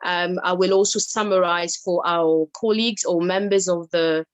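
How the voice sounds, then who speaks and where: A woman's voice: fairly low pitch, steady tone, moderate pace, clean tone. A young woman from the Democratic Republic of Congo, a medical doctor, speaking as a guest on a video call, hesitant with many fillers as she switches between languages. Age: young adult.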